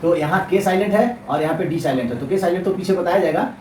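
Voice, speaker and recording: With a high-pitched, slightly mellow voice and a fast delivery, an Indian man teaches English. He poses questions, answers them himself and goes over every point again. A distant mic picks him up in an echoey room with faint noise.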